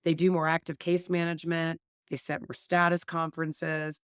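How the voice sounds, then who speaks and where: A woman's voice: low voice, level tone, normal speed, clean tone, no room sound, clean studio sound. A woman hosting a family law podcast, talking earnestly and thinking aloud. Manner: earnest, thinks aloud with many 'like' and 'right'. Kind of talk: casual conversation.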